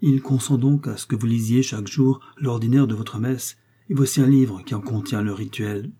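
A man doing a stern young officer, stiff, disdainful, dark husky voice, storybook reading. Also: mid-range voice, steady tone, normal speed, natural voice.

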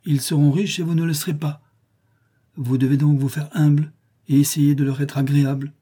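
A severe, self-righteous maid in a storybook reading, voiced by a man. She scolds in a higher, sharper register than the narrator, with a husky edge and dark tone. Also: flat delivery, normal speed. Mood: scolding. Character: stern, pious middle-aged maid.

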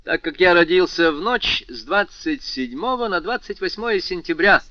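A man voicing a calm, courteous young male defendant who answers with cool mockery, in a storybook reading. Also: high-pitched, moderate pace, dry recording, highs cut off, pitched above the performer's own voice. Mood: polite defiance. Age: young adult. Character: young male defendant, coolly insolent and polite.

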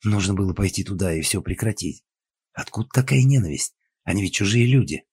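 A man voicing a dignified older woman in an audiobook, indignant and worried, with a husky voice. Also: low-pitched, animated, brisk, darkish tone, dry recording, full character voice.

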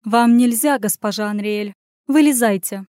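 A haughty, fussy noble lady, as a woman reader puts her on for a storybook. Her voice is high and shrill, and she draws out her accusing lines. The recording is dry and close. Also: normal speed, darkish tone, dry recording, natural voice. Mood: scolding.

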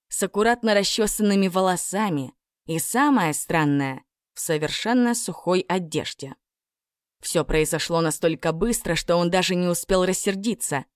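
A woman narrating a fairy tale audiobook in a lively, expressive way. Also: lowish voice, dry recording, studio quality.

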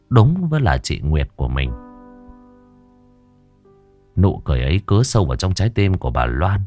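Male horror narrator, very low voice, animated delivery, soft music bed. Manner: dramatic, lively storytelling with drawn-out pauses. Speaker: ghost story narrator. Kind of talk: scripted horror story narration. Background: faint music.

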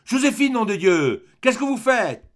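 A man reading an audiobook, voicing a gruff, impatient old father who shouts his lines. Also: high-pitched, fairly quick, pitched above the performer's own voice. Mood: blustering. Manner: shouting, blustering.

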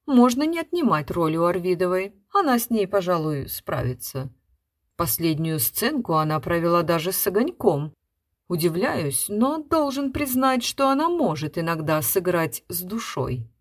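A woman voicing an impatient male theater director who barks orders at rehearsal, loud and demanding. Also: lowish voice, big pitch swings, moderate pace, no room sound, clean studio sound. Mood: grudging.

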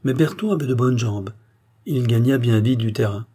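Male narrator, audiobook reading, dark mellow voice, slightly husky. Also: medium pitch, normal speed. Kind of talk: scripted narration of a detective novel.

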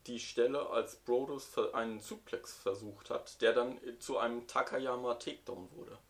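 A man's voice: mid-range voice, moderate pace. Man, podcast co-host, casual chat, dry teasing humor, recounting from memory. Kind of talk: casual wrestling review chat.

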